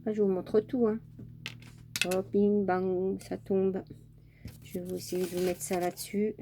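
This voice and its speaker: A woman's voice: mid-range voice, little pitch movement, a little slow, background noise. A woman chatting casually through a crafting tutorial at her home craft table, homely and talkative, with many fillers. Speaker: craft vlogger.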